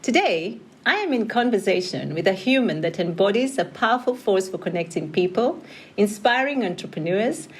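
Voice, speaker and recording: A woman's voice: mid-range voice, animated, normal speed, breathy edge. A woman with a Kikuyu Kenyan accent hosting an interview podcast. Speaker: podcast host. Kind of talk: scripted introduction and warm interview chat.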